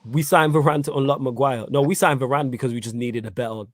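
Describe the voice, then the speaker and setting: A man's voice: mid-range voice, no echo, clean studio sound. A man with a Manchester accent hosting a casual football podcast, reading out viewer comments and arguing his points. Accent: Mancunian. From Manchester, England. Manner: fast, animated, reads viewer comments aloud. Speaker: podcast host.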